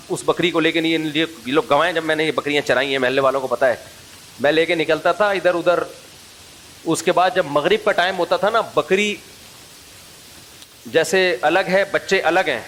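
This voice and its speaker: A middle-aged male preacher from Pakistan speaks with a fairly high voice, telling humorous stories in a loose, chatty way. He keeps pulling his audience in with direct questions, and a faint hiss sits under the recording. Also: fairly bright tone, low-quality recording. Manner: humorous, anecdotal, throws questions at listeners. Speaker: Islamic preacher. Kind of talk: informal religious talk to an audience.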